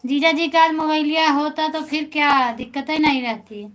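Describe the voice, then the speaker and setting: A woman's voice: sits high, steady tone, normal speed, fairly bright tone, poor audio. A woman folk singer with an Awadhi accent, chatting casually with viewers on a phone live stream, answering them by name and reassuring them.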